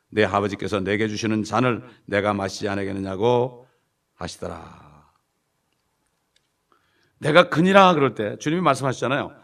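A man's voice: on the low side, fairly bright tone. A man preaching a sermon with emphasis. He stretches out repeated phrases and drops to a mutter at the ends of lines. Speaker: pastor. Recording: distant gravelly room recording.

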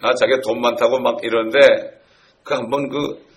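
A man's voice: mid-range voice, steady tone, moderate pace, a little hiss or hum, lightly acted. A man playing God, stern and commanding. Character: God speaking to the devil, male, stern.

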